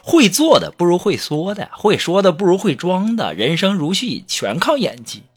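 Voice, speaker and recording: A playful man tells jokes in a teasing, chatty monologue. His voice sits a bit high and swings up and down a lot. Music plays clearly behind him. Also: sing-song, normal speed. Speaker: comedic storyteller. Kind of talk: humorous monologue. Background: background music.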